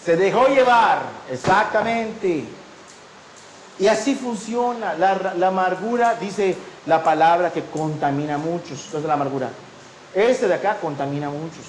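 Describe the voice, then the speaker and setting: A male pastor preaching with a high, lifted voice, telling stories and acting out the people in them. The sound rings around an echoey church hall. A faint hum of noise sits underneath. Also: normal speed. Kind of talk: sermon.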